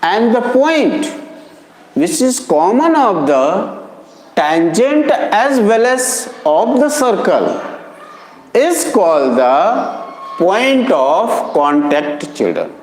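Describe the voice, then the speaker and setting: A man teaching maths, calling his students children and repeating key terms slowly. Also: sits high, big pitch swings, darkish tone. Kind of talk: classroom lecture. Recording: echoey classroom with long reverb.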